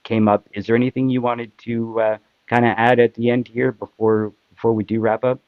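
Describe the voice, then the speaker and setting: A man's voice: medium pitch, little pitch movement, a little fast, no echo, phone-quality sound. A man hosting a casual online discussion in an appreciative, somewhat hesitant way. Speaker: host.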